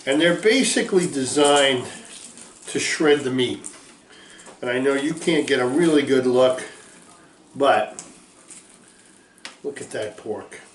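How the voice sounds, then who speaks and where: A man running a cooking demonstration in his kitchen, talking in a folksy, upbeat pitchman way. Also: animated, takes it slowly, pauses often, reverberant, slight background noise. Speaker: small food business owner.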